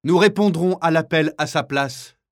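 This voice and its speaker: A man's voice: on the high side, moderate pace, pitched above the performer's own voice, close to an everyday voice. A man voicing a proud prisoner who speaks up fiercely and defiantly.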